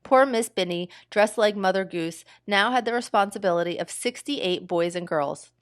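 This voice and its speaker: A woman teacher reading a children's book aloud with expressive storytelling. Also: mid-range voice, normal speed.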